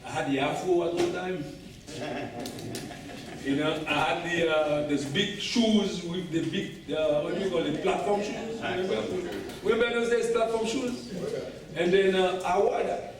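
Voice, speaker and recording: A man with a Haitian accent, telling stories to a club audience in an animated way and laughing often. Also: high voice, a little slow, noisy background. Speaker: guest speaker. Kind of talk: storytelling talk to a club audience. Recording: echoey room, distant mic.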